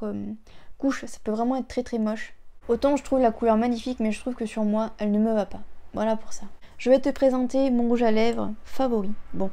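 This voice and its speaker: A woman's voice: on the high side, dark tone. A young woman reviewing her lipsticks at home in a chatty, hesitant way, full of fillers and restarts. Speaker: beauty vlogger. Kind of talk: casual makeup review. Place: home room with an open window.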